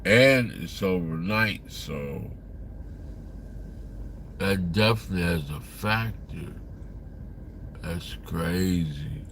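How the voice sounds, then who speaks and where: A man in his fifties chats casually on a livestream, reading viewer comments aloud and talking to chat in a rambling, profane way. His deep voice is expressive and a bit bright, he speaks slowly with long pauses, and there's slight background noise.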